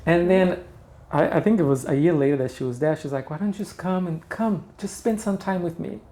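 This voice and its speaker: Fairly quick and mellow, this slightly high male voice comes from a middle-aged Brazilian interior designer chatting as an interview guest. His Brazilian Portuguese accent is clear, and he keeps restarting sentences in the relaxed conversation.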